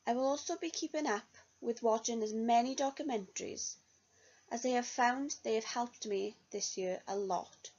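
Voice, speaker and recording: A young woman studying music reads, in a slightly high and somewhat mellow voice, an earnest look back at her year of singing lessons. The recording is dull and lo-fi.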